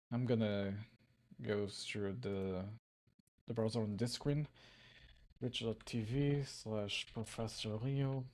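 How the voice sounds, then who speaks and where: A man hosting a coding stream who talks to his chat in an unhurried, easygoing way. He chuckles often and lets sentences trail off while he clicks around. His speech is slow and laid back. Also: mid-range voice, mellow. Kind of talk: relaxed live-stream chat.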